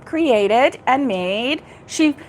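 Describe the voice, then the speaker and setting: Speaking extremely slowly in a high, animated voice, a woman runs a relaxed crochet livestream, chatting live with viewers. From an indoor, air-conditioned back porch, she talks with a friend, calls out viewers by name, and laughs a lot.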